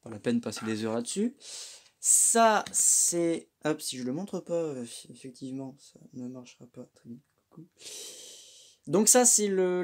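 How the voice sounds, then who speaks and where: A man chatting casually and joking at his own expense as he unboxes a microphone, recorded on a phone indoors. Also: on the high side. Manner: relaxed, chatty, self-mocking. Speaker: tech unboxing vlogger.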